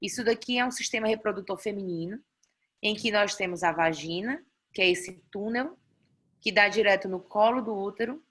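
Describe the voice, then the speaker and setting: Over a video call, a Brazilian Portuguese-accented woman doctor gives an online fertility class, walking through slides step by step with explanatory restarts and many "né?" tags. She speaks at medium pitch and normal speed with a slightly bright tone.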